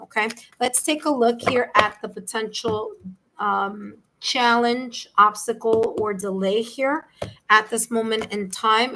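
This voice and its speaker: A woman's voice: fairly high pitch, fairly bright tone, slight background noise, poor audio. A woman with a New York accent giving a live-streamed tarot reading, rambling along with frequent "okay?" check-ins and restarts. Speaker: tarot reader.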